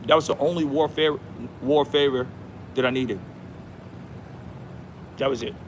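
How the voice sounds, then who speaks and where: A man's voice: medium pitch, steady tone, unhurried, a little hiss or hum. A man hosting a casual livestream outdoors. He talks in a slangy, emphatic, repetitive way and says "bro" a lot. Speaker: livestream host.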